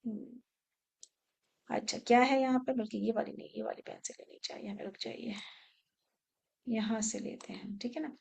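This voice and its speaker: A woman teaching an online Quran memorization class, giving brisk instructions, checking in often with her students, and slowing down to recite verses. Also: on the high side, fairly even intonation, creaky, a little mellow, husky. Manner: switches between brisk instructions and slow, drawn-out recitation of verses; checks in often with the class, repeating short questions.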